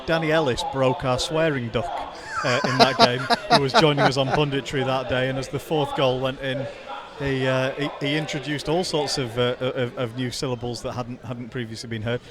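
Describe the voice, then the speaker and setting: Man, co-commentator, dry banter, stumbling restarts, loud stadium crowd behind. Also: mid-range voice, steady tone, moderate pace. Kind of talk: casual commentary chat. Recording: noisy outdoor stadium crowd.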